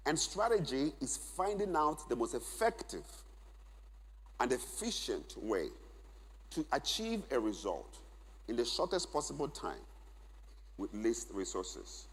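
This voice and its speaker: A middle-aged man teaches at a church conference, stressing and repeating his key points. His voice is a little husky, and it echoes around a large hall with a long reverb tail. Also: medium pitch, very animated, unhurried, pauses often. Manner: emphatic, repeats key phrases for note-taking. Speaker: conference speaker.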